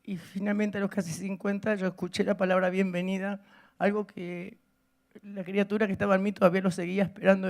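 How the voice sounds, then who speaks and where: A woman in her fifties with an Argentine accent gives candid personal testimony in blunt, slangy, unhurried storytelling. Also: mid-range voice, darkish tone. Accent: Argentine Spanish. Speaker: speaker sharing her life story. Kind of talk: personal testimony told to a live audience.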